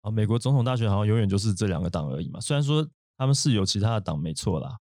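A man with a somewhat low voice leads an English vocabulary lesson. He explains things at length, with fillers and little asides. His voice is recorded up close with no room sound. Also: expressive, racing, a little mellow, no room sound. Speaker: podcast host.

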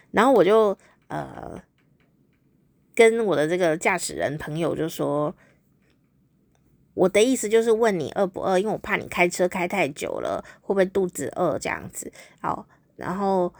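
A podcast host with a fairly low voice tells a story in a chatty, playful monologue, laughing often. The recording is dry.

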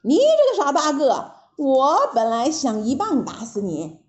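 A woman's voice: high-pitched, huge pitch swings, unhurried, darkish tone, lo-fi sound, heavily acted. A woman voicing a boastful, cheeky male Monkey King with a teasing, mocking manner, in a storybook reading.

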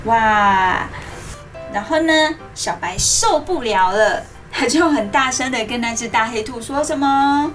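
High-voiced woman reading as if to toddlers. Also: normal speed, hardly any pauses, distant mic. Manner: animated, simple coaxing speech, as if reading to a toddler. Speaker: host of a children's radio story programme. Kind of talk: interactive storytelling to young children, asking questions. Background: music.

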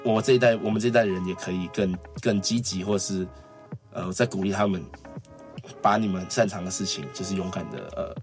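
A man's voice: low voice, steady tone, over music. A young man in his twenties from Taiwan, a singer guest chatting eagerly on a podcast. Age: 20s. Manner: quick, eager, restarts often. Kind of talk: casual podcast chat.

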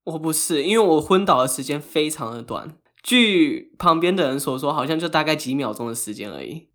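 A man's voice: on the high side, expressive, a little fast, a bit bright. A man co-hosting a podcast, telling a story in casual chat with frequent laughter and English phrases mixed in. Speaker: podcast co-host.

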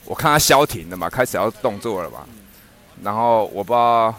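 A man's voice: lowish voice, a little fast. A man casually telling a funny anecdote, laughing often and acting out what others said. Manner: animated, laughs often, acts out quoted speech. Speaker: storyteller in a podcast chat.

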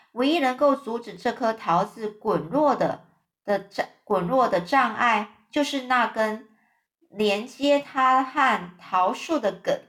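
A woman voicing a kind, gentle female ladybug in a children's storybook reading, speaking soothingly. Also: a little high.

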